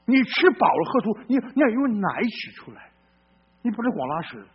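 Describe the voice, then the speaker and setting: Speaking at a moderate pace in a husky voice with wide pitch swings, a man preaches a folksy, blunt sermon, asking his hearers questions and veering from loud outbursts to low murmurs. The audio sounds dull.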